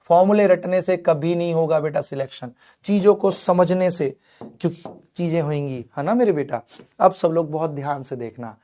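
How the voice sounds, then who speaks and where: Animated high-voiced male chemistry teacher. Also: normal speed. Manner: animated, playful, addresses students as his kids; mixes Hindi with English terms. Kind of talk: online exam-prep lecture.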